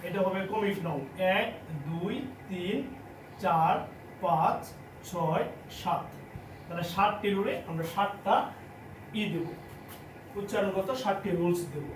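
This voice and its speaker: Man, Bangladeshi Bengali accent, high voice, teaching a class, repeats each point, echoey room, mic at a distance. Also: steady tone, slight background noise. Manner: repetitive, drilling each point slowly. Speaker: language teacher. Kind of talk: classroom lesson.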